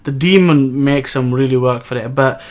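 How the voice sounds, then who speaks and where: A man's voice: mid-range voice, normal speed, darkish tone. A man hosting a manga review channel, recapping the chapter in a casual, rambling way with many fillers and self-corrections.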